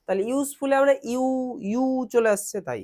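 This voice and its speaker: A man's voice: very high-pitched, sing-song, normal speed, a little mellow. Questioning male teacher in class. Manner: questioning, explains step by step. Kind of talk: classroom grammar lesson.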